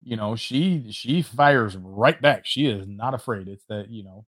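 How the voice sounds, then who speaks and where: A man's voice: medium pitch, animated, unhurried, a bit bright. Man on a podcast, chatty, amused by his friends, keeps restarting sentences. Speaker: podcast co-host. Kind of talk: casual podcast banter.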